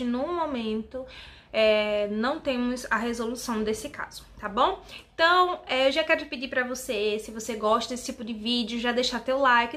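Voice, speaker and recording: A woman's voice: a little high, fairly bright tone. A woman hosting her own channel, telling a true-crime case in a casual, chatty way and checking in with viewers often. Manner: chatty, addresses viewers directly with frequent "tá?" and "né?". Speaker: YouTube channel host.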